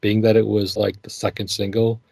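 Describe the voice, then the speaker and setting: Low-voiced man in casual podcast chat. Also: moderate pace, creaky, husky, no room sound. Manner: relaxed, thinking aloud with fillers and laughs. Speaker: podcast co-host.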